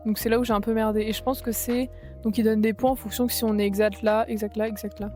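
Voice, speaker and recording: A woman's voice: a little high, level tone, quick pace, a little mellow, soft background music. A young woman chatting casually while playing a color game, full of fillers and self-corrections. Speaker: YouTuber.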